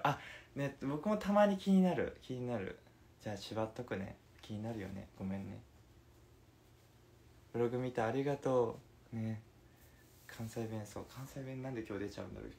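A man's voice: medium pitch, fairly quick, vocal fry, a little mellow. A man in his twenties hosting a casual phone livestream, answering viewers' comments in a playful, chatty way and giggling between remarks. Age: 20s. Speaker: livestream host.

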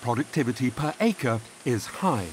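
A man giving measured, scripted documentary narration. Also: mid-range voice, lively intonation, a little hiss or hum.

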